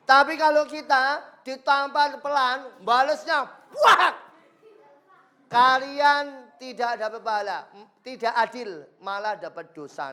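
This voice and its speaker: A man's voice: very high-pitched, sharp tone. A male Islamic studies teacher with an Indonesian accent, giving a playful classroom lesson full of stories. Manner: slow, playful, acts out quoted taunts in a raised voice.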